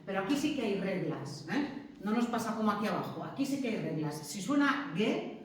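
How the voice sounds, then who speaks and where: A woman's voice: medium pitch, very animated, normal speed, background noise. A woman teacher giving a classroom lecture, explaining step by step and checking in with "¿mm?" and "¿sí?". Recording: very echoey classroom, mic far off.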